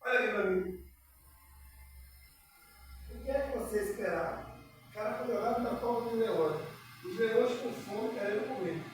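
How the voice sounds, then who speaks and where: A man with a Brazilian Portuguese accent preaching a sermon, moving between loud, drawn-out scripture reading and soft, close talk to listeners, leading the congregation in call-and-repeat prayer. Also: sits high. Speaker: pastor. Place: church hall. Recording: echoey hall, distant mic, background noise.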